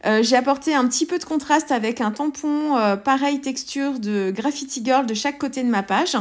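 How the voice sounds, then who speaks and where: A French-accented woman talks casually through her art journal page. Her voice sits a little high, and she hesitates often, with fillers and restarts. It sounds like a relaxed craft tutorial voice-over. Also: moderate pace.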